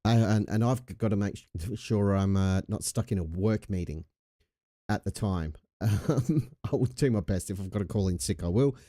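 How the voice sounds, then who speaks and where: An Australian man hosts a casual livestream, laid-back, jokey and sweary, while recovering from a chest infection that has left a lingering cough. His voice is on the low side with a dark tone and moderate pace, recorded clean and studio-dry with no echo.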